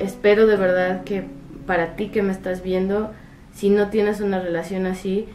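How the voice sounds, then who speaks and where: A Mexican woman vlogging casually at home, talking softly and reflectively, her voice drifting quieter at the ends of thoughts. Her voice sits in a middling range and rings in an echoey room. Faint guitar music plays underneath. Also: medium pitch. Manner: soft, reflective, trails off quietly. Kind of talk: casual heartfelt advice to camera.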